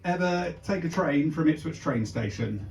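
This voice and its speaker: A man's voice: fairly high pitch, expressive, normal speed, creaky. A man, doing a stand-up comedy set and chatting with and teasing the crowd. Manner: chatty, teasing the crowd, shouted voices for the punchlines. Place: comedy club stage before a live audience. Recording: echoey club recorded from a distance.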